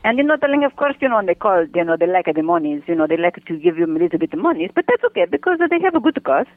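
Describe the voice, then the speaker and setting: A man's voice: high-pitched, very animated, fast, no room sound. A man voicing a feisty, doting older woman who calls everyone darling and speaks broken English. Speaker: regular segment guest. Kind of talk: comic phone-in chat. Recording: tinny phone line.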